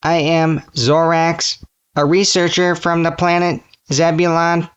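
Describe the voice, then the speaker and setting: A synthetic robot voice playing a formal alien researcher who asks polite, slow questions about human habits. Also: mid-range voice, flat delivery, lo-fi sound, a little hiss or hum. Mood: formal curious.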